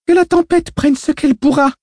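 A man reading aloud voices a small, cunning girl in a high, thin put-on voice for an audiobook. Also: steady tone, brisk, darkish tone, no room sound, studio quality. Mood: sly.

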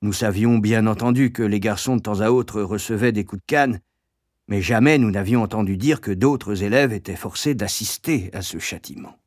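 A man narrating an audiobook in a measured, grave storytelling manner. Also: on the low side, darkish tone, dry recording, clean studio sound.

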